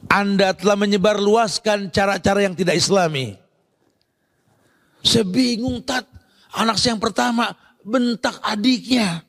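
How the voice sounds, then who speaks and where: Male Islamic preacher, lively sermon delivery with a fairly high voice, heavy room reverb. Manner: lively, addresses listeners directly, acts out parents and children. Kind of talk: sermon to a congregation.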